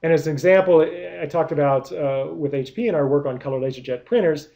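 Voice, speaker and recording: A man's voice: on the high side, brisk, vocal fry, warm tone, dull audio. A man giving a recorded business lecture, explaining step by step with many rhetorical questions and frequent restarts. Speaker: product management lecturer.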